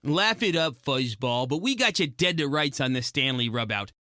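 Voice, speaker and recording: A man's voice: medium pitch, animated, moderate pace, sharp tone, dry recording, clean studio sound. A man playing a hot-tempered, wisecracking penguin private eye, narrating in clipped gumshoe slang for a noir radio play. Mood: accusing. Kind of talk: noir narration, 1940s radio detective acting.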